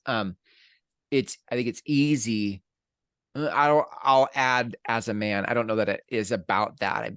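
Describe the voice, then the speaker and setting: A man's voice: mid-range voice, fairly bright tone, dry recording, clean studio sound. Reflective man co-hosting a podcast. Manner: reflective, talks through his thoughts with restarts. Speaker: podcast co-host. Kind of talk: casual conversation.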